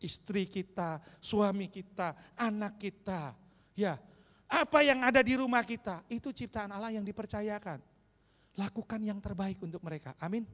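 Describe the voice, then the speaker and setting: Man, pastor preaching, high voice, long church reverb, animated and questioning. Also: normal speed. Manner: animated preaching, calls to the congregation. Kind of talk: sermon. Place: large church hall.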